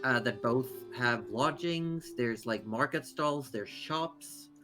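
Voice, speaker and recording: A man improvising tabletop game narration as game master, in halting descriptions. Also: mid-range voice, over music.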